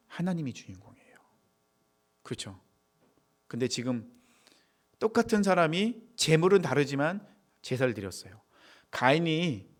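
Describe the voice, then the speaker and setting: A man preaching a sermon to high school students, asking questions and answering them himself, sometimes dropping to a whisper. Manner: asks the audience questions and answers them, drops to a whisper on key points. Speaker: youth pastor.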